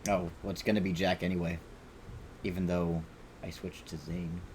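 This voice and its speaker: A man's voice: sits low, flat delivery, normal speed, a little mellow, a little hiss or hum. A man streaming a video game, rambling and swearing as he talks to himself and his viewers. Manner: rambling, profane, self-talking. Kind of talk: casual gameplay commentary.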